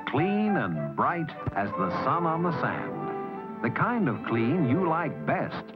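A man's voice: wildly swooping pitch, slow pace. A man reading a cheerful 1950s TV ad voice-over, with old broadcast sound. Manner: bright, sing-song pitch, carefully paced selling. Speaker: commercial announcer. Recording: dull lo-fi old TV audio. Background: loud jingle music.

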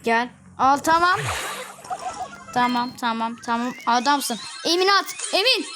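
A woman chatting casually while playing a mobile game, often yelling at her teammates during matches. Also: high-pitched, expressive, unhurried. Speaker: gaming video creator. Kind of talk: casual gameplay commentary. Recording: game music clearly behind voice.

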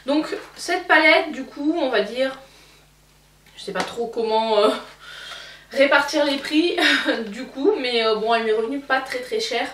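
A woman with a fairly high voice talks through a makeup haul in a casual, hesitant way, pausing often with fillers. She sits a little back from the mic, and the room gives her voice a noticeable echo. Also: a bit bright, recorded from a distance, slight background noise. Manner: chatty, hesitant with frequent fillers. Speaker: beauty vlogger.

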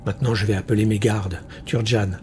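A man's voice: fairly low pitch, fairly even intonation, brisk, warm tone, faint music behind, close to an everyday voice. A man voicing an arrogant, scheming prince in an audiobook fantasy tale, speaking scornfully and commandingly.

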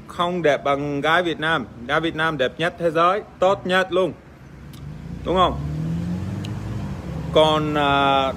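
An Australian man, native English speaker, joking crudely with fans in casual livestream chat, halting with fillers and swearing playfully. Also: fairly high pitch, bright, forceful tone, a little hiss or hum. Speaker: livestream host. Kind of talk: casual livestream chat reading fan comments.

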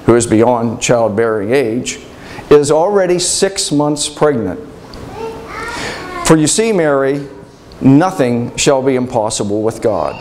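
A man voicing Mary, a hopeful young woman who speaks gently and insistently. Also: mid-range voice, animated, slow, slight background noise. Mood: gentle.

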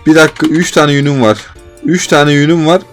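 A man with a Turkish accent giving excitable live commentary while playing a survival game, swinging between panicked yelps and exasperated complaints. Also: on the high side, fairly quick, soft background music. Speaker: gaming YouTuber.

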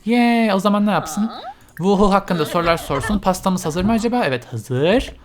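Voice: medium pitch, expressive, normal speed. A let's-player giving casual, chatty commentary while playing, exclaiming and talking to the game characters, with English game terms mixed in.

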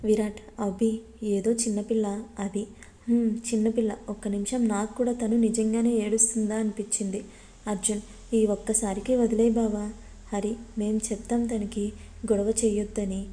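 A woman's voice: mid-range voice, level tone, normal speed, dark tone. A woman with a Telugu accent reading a love story aloud, voicing each character herself. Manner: reads all characters in her own voice, with dialogue tags. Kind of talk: storytelling narration.

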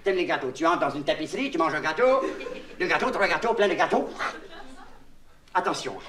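A man's voice: on the high side, expressive, fairly quick, close to an everyday voice. A man playing a naive vagabond clown, Québécois. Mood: rambling, confiding. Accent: Québécois French. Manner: mangled words and puns, confiding to the listener. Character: naive childlike male vagabond clown, rambling. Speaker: comedian. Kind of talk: comic monologue in character. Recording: echoey, distant, noisy old LP recording.

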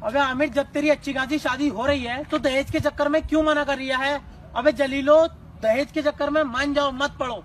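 A man in a comic sketch, delivering jokes deadpan. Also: very high-pitched, fairly quick. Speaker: comedy sketch performer. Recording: noisy, mic at a distance.

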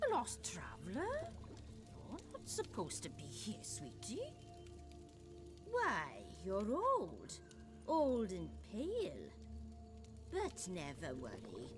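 A woman's voice: medium pitch, wildly swooping pitch, slow pace, pauses often, music in the background. A woman voicing a wicked old witch hag in a video game, cooing with mock-sweet menace. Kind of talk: video game character acting.

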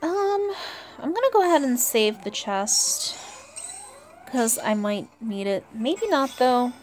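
Fairly high and a little mellow, with lively intonation, a woman takes a slow pace narrating her gameplay casually, often addressing herself and the game's characters. She hosts the channel and records indoors over game music, with a little hiss or hum.

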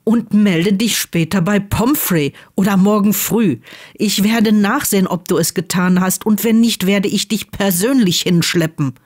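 An earnest, troubled young wizard who speaks in a quiet, insistent way and sometimes pleads, read by a woman in her own natural voice. The tone is mid-pitched and plain, as in a storybook read aloud. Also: unhurried, lightly acted. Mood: stern.

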